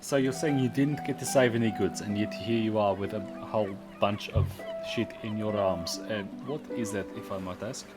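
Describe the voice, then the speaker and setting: A man's voice: lowish voice, music in the background. A man running a tabletop game as game master, hesitant and full of fillers. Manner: slow, halting, many fillers.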